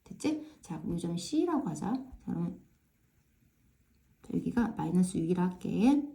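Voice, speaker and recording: A woman's voice: on the low side, very animated, moderate pace, creaky, dark tone. A woman math teacher explaining step by step in a casual classroom manner, often asking "right?" to check understanding. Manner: frequent tag questions checking understanding; repeats filler "ja" to pace steps.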